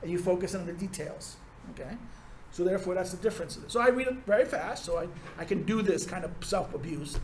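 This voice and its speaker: A man's voice: high voice, expressive, fast talker, a little hiss or hum. Rambling sardonic male lecturer, roomy classroom. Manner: rambling, sardonic, with frequent restarts. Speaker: university lecturer. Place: university lecture room.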